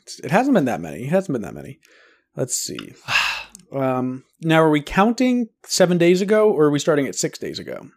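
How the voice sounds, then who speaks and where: Male podcast co-host, a bit high, very animated pitch, teasing back-and-forth. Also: brisk. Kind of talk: casual chat.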